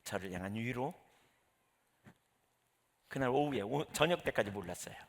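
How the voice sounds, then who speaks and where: A man's voice: mid-range voice, expressive, normal speed. A middle-aged male pastor giving a conversational sermon, telling personal stories and acting out his own prayers.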